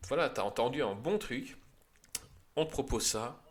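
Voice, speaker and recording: A man from Belgium, hosting a podcast and giving his views in a halting, opinionated way. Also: medium pitch. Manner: animated, opinionated, halting with fillers. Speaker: podcast host. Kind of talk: casual chat.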